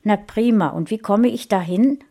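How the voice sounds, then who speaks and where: Woman reading as a busy mother in a storybook, brisk, a touch higher than her narration. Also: vocal fry, warm tone. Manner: brisk, raised voice.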